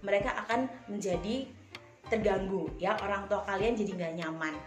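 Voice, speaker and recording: A woman teacher giving a lesson to children in a lively way, acting out examples. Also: mid-range voice, normal speed, roomy sound, soft background music.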